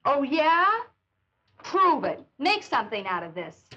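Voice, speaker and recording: A woman's voice: medium pitch, animated, normal speed, slightly rough. An actress playing a vain, haughty young beatnik woman and model, with sneering delivery in 1950s film style. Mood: challenging. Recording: dull 1950s film soundtrack, music behind.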